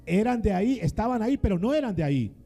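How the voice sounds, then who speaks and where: A man's voice: sits high, big pitch swings, fast, warm tone, faint music behind. A male pastor preaching a sermon in a dramatic style, calling on the congregation to repeat his words back to him. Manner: dramatic call-and-response preaching.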